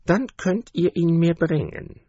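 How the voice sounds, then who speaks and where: A man voicing a haughty, grand old female duck in a storybook reading, slow, low and condescending, on a dull, dry recording. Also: warm tone, slightly rough, no echo.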